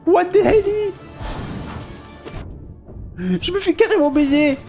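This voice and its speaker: A man giving excited, loud commentary while playing a video game, often yelping in a high voice. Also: takes it slowly. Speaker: let's play gamer. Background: game music.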